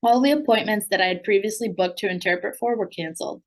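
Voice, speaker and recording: At a graduation ceremony, an alumna of the program who now works as a language coach reads prepared remarks to the new graduates. The American woman speaks in a mid-range voice, quickly yet earnestly and steadily.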